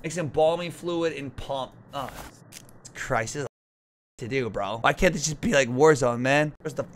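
A young man live streaming a horror game, giving excitable, scared, jumpy commentary and griping as he plays. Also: mid-range voice, moderate pace, a little hiss or hum. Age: young adult.

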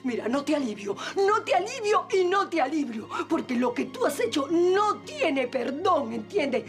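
A distraught, accusing mother. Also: high voice. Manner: accusing, tearful and demanding. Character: distraught mother, furious with her husband. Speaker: mother in a telenovela. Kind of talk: telenovela acting. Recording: soap opera scene with music behind.

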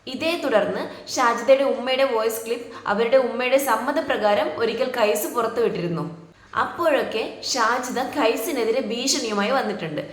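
A woman speaks in a firm, lecturing tone as she comments on a video. Her voice sits fairly high. It rings with the echo of a hard-walled room. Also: moderate pace. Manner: scolding, lecturing. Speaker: reaction YouTuber. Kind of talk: reaction commentary.

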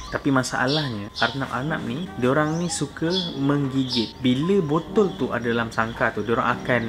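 A man's voice: mid-range voice, moderate pace. Chatty young Malaysian man over music. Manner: chatty, mixes in English phrases. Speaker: rabbit farmer vlogger. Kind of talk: casual how-to vlog. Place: outdoor covered rabbit shed.

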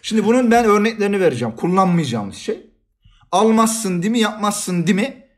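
A man with a faint Aegean accent co-hosts a relaxed podcast about everyday speech. His voice sits somewhat high and moves lively across its range, and he laughs easily as he explains. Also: a little fast. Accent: slight Aegean Turkish. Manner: lively, animated, laughs often. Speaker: podcast co-host. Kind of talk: casual podcast chat on language and communication.

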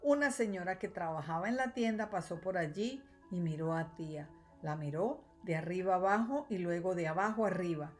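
A woman teacher reading a children's storybook aloud, clear and expressive. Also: on the low side, normal speed, hardly any pauses, soft background music. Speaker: third-grade teacher.

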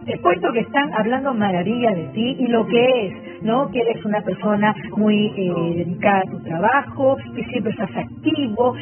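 A middle-aged woman doing an informal live report and interviewing as a field reporter. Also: a little high. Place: room in a home, indoors. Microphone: handheld microphone. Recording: tinny phone-like live feed, music behind.

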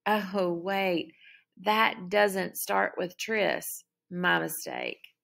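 A woman's voice: lowish voice, steady tone, very slow, creaky, fairly bright tone, heavily acted. A woman voicing a sneering teenage girl bully with a nasal voice, drawing out mocking taunts in an audiobook reading.

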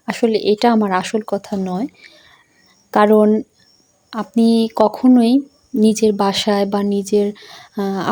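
A woman's voice: medium pitch, mellow, a little hiss or hum. A woman in her thirties chatting casually while she cooks, drifting from careful standard speech into her home dialect. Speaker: cooking vlogger. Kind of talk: casual chat while cooking.

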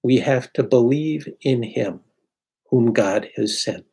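An older man, a priest in his sixties, gives a sermon at a slow, deliberate pace. His voice is mid-pitched and a little husky, and he leaves reflective pauses. He is heard through a desk webcam in a book-lined study. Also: warm tone. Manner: unhurried, reflective preaching with pauses. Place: home study with bookshelves.

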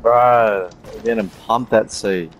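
A man's voice: lowish voice, steady tone, slow, noisy background. A man giving casual, clipped, sweary callouts to teammates in an online shooter. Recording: game voice chat under loud gunfire.

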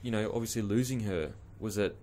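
Speaking quickly in a fairly low, dark voice, this thirtysomething Australian podcast host chats encouragingly with his guest and drops casual slang. He's in a small studio with a logo backdrop, using a boom-arm studio mic.

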